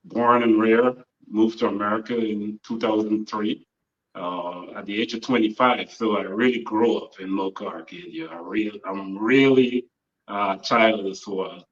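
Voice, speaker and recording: A man in his forties, originally from Guyana, answering interview questions in a measured way that trails off with frequent pauses. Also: on the low side, steady tone. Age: 40s. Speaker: author guest. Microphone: phone held by another person. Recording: distant lo-fi phone recording.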